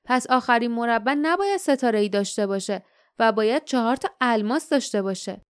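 A woman's voice: a little high, animated, clean tone, lightly acted. A woman reading the lines of a grumbling grown man, a former palace guard, in an audiobook. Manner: mutters, thinks aloud. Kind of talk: audiobook character voice.

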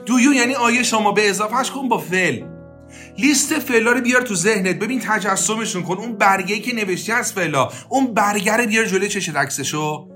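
Brief: male podcast teacher, high bright voice, drills, faint guitar under. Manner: coaching, repeats drill phrases. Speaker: English teacher. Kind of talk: podcast language lesson.

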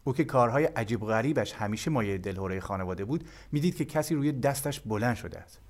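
A man reading a translated novel aloud as an audiobook narrator, calm and measured. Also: medium pitch.

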